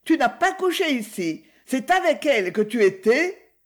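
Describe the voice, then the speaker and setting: A woman reading a novel aloud, voicing a jealous young wife who accuses her husband in a raised, shrill voice. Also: very animated, moderate pace.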